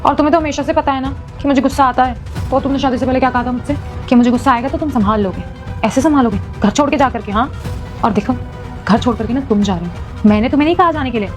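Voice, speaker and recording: A woman's voice: sits high, fast, close to an everyday voice. A woman playing a hot-tempered young wife in a short domestic drama, who scolds, justifies herself and pleads. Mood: pleading, scolding. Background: faint background music.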